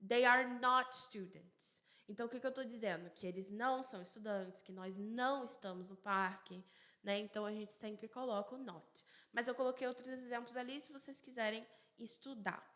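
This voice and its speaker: A woman, an English teacher, giving a grammar lesson in both languages. She explains step by step, repeats examples slowly and answers questions she asks herself aloud. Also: fairly high pitch, a bit bright.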